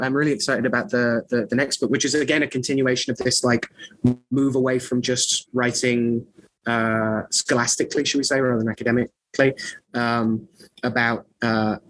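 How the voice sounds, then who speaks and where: A man with a mid-range, a bit bright voice talks at a moderate pace with fairly even intonation, over a rough recording. He's an author and scholar of magic being interviewed on a podcast, rambling with lots of fillers, restarts and self-mocking asides.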